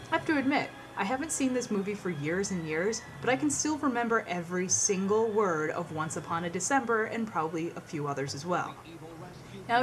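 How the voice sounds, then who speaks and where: A woman's voice: mid-range voice, slight background noise. A woman presenting a scripted film countdown in a wry, conversational manner.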